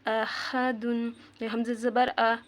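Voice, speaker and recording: A woman teaching a tajweed lesson on Arabic letter sounds. She patiently repeats terms, asks questions back to the viewer, and slows down to demonstrate pronunciation. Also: on the high side, flat delivery. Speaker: Quran recitation teacher.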